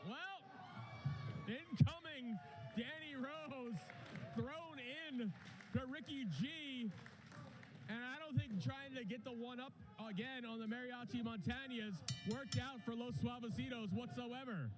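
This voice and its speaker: Very high-voiced man calling live wrestling. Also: unhurried. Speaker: wrestling commentator. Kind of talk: live wrestling play-by-play commentary. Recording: loud music under live commentary. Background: loud music.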